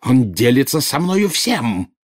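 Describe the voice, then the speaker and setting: A man's voice: medium pitch, big pitch swings, brisk, darkish tone, slightly rough, pitched above the performer's own voice. A man voicing a furious, jealous witch in an audiobook, bursting out in scornful, indignant retorts.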